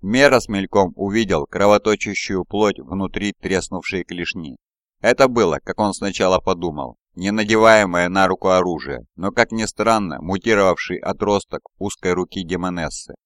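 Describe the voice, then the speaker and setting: Guy narrating an audiobook, really deep smooth voice, dramatic measured reading, close mic. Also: fairly bright tone, no echo.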